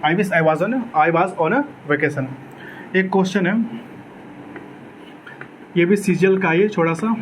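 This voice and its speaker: A man's voice: sits high, takes it slowly, pauses often, slight background noise, rough recording. A man teaching an exam-prep English grammar lecture, asking his own questions and answering them, repeating key words.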